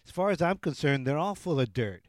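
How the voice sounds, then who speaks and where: A man's voice: on the high side, expressive, a little fast, dry recording, studio quality. Blunt male co-host chatting in a garage. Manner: blunt, repeats himself. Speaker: talk show co-host. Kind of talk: casual opinionated chat.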